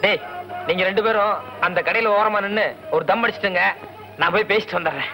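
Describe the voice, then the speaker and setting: Comic guy, really high bright voice, wails and overacts, faint music behind. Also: fast. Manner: high, bright, melodramatic wailing. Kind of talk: comedic film acting.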